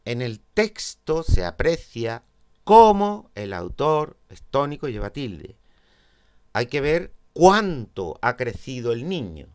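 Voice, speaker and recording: A man's voice: mid-range voice, very animated, takes it slowly, a little mellow, clean tone. A man from Spain with a Peninsular Spanish accent, teaching a grammar lesson step by step and checking in with his students. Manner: explains step by step, checks in with "¿vale?".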